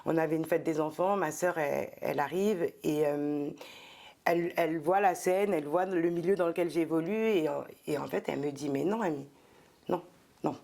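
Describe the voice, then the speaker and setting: A middle-aged woman from France tells her story in an interview with a low, gravelly voice. She speaks thoughtfully, pausing often and filling the gaps with hesitations. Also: a little mellow. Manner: thoughtful, many hesitations and fillers. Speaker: guest, entrepreneur and former specialized educator. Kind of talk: casual interview talk.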